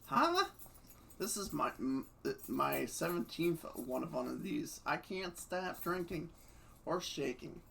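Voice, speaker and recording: A man's voice: a little high, unhurried, creaky, fairly bright tone, a little hiss or hum, exaggerated voice. A man reading the lines of a drunk male hedgehog at a party, stuttering through them. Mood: dazed.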